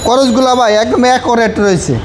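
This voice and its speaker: A Bangladeshi man giving a used car salesman's pitch, repeating phrases for emphasis. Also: fast. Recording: faint background noise.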